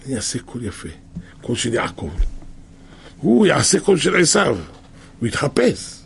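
A man's voice: mid-range voice, big pitch swings, fairly bright tone, slight background noise. A man voicing Esau, a scheming young man warning his father about his brother, in a storytelling. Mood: urgent warning. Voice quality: raspy. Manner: urgent, warning.

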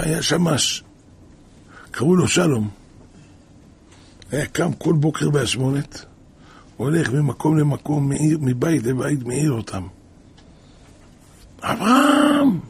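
A man preaches a sermon, telling stories with a gravelly, husky voice. His pitch sits a little high. He keeps it animated, with one rhetorical question after another. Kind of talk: sermon with storytelling.

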